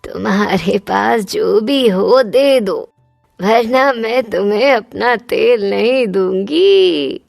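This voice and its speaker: A woman voicing an old village woman in a cartoon, who speaks slowly in a hushed, bargaining way. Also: mid-range voice, creaky, dry recording, studio quality, faint music behind. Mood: secretive. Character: slow-talking old village woman selling hair oil. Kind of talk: cartoon dubbing.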